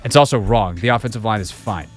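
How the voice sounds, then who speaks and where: A man's voice: lowish voice, fast talker, soft background music. A man hosting a sports radio show, reading fan comments aloud and mocking them sarcastically. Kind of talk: casual sports radio chat.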